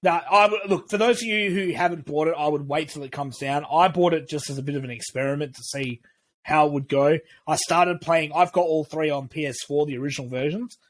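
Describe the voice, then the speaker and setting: A man's voice: fairly high pitch, brisk. Rambling, foul-mouthed podcast co-host, a man. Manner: rambling, swears freely, many restarts. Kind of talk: casual chat.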